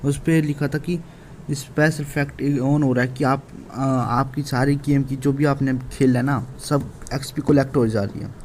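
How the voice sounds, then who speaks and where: A man's voice: medium pitch, steady tone, normal speed, a little mellow, slight background noise. A man casually retelling a manhwa chapter, with frequent restarts and fillers. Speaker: manhwa recap narrator. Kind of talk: casual story recap.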